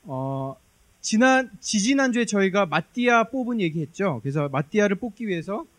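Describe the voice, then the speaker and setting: A man preaching a sermon, retelling a story in a lively, conversational way. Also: sits high, moderate pace.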